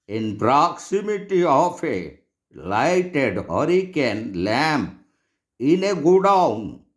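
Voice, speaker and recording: A man teaching law, reading out and solving problems in a slow, deliberate lecture with long pauses. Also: on the high side.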